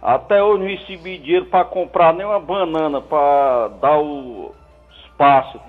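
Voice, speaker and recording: A man's voice: fairly high pitch, normal speed. A man calling in over the phone to ask for advice, telling his case plainly and earnestly. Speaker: caller. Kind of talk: call-in question to a radio legal advice show. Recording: dull phone line, faint music behind.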